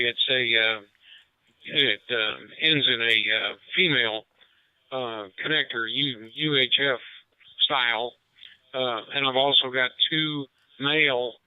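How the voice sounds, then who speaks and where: A man checking in on a ham radio net, halting and hesitant with many filler words, heard over a radio link. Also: medium pitch, clean tone, dry recording, dull audio. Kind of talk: casual radio net chat.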